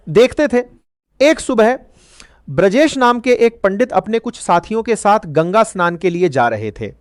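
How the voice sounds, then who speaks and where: A woman's voice: medium pitch, no room sound, clean studio sound. Woman narrating a storybook tale.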